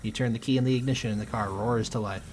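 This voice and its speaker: A man hosting a let's play, reading game text aloud with a quick, lightly dramatic delivery. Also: medium pitch, fairly even intonation, noisy background.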